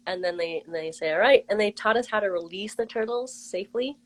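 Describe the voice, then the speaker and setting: A woman hosting a casual interview, chatty and bubbly and quick to laugh as she tells stories and asks questions. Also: medium pitch, low-quality recording. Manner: bubbly, giggly, chatty storyteller. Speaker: host.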